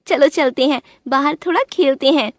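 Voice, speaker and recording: A woman's voice: sits high, moderate pace, no echo, studio quality, voice pushed up, close to an everyday voice. Woman doing a playful coaxing bulbul girl. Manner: coaxing, easygoing.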